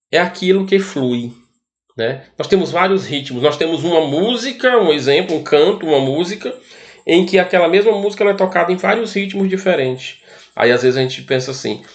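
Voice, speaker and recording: A man with a Brazilian Portuguese accent teaching an arts lesson, explaining step by step and often asking the class rhetorical questions. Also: high-pitched. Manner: explanatory, asks rhetorical questions, frequent tag questions.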